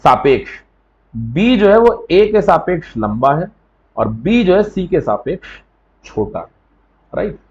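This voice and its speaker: Lively male coaching teacher, lo-fi sound. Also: fairly high pitch, takes it slowly, pauses often. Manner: conversational, often adds checks like "right?". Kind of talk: explanatory classroom lecture.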